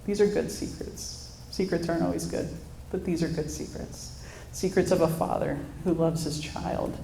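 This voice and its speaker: A woman's voice: fairly low pitch, steady tone, moderate pace, vocal fry, mellow, slight background noise. Earnest woman speaker in an echoey hall. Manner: earnest, storytelling, laughs now and then. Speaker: speaker at a mother-daughter church event. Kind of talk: personal faith talk to an audience. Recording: echoey room with faint ambience.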